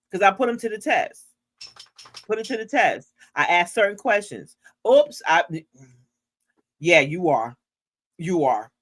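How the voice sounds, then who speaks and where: Rich: A woman with a bright, forceful voice chatting casually. She tells her own stories with energy. She leaps into character when she quotes people. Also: low voice. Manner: animated storyteller, acts out quotes. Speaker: co-host. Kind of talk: casual gossip chat.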